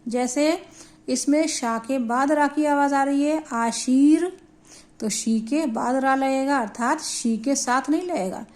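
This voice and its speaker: Slow, high-voiced woman teaching Hindi grammar. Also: darkish tone. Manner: slow, deliberate, spells out syllables. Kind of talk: classroom grammar lesson.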